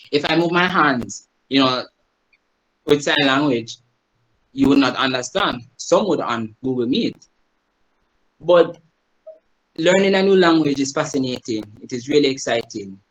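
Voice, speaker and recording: A Jamaican man, a Chinese teacher, presents online to a group as a guest on a video call, explaining things and often checking in with "right?". His voice is mid-range, and the recording is low-quality.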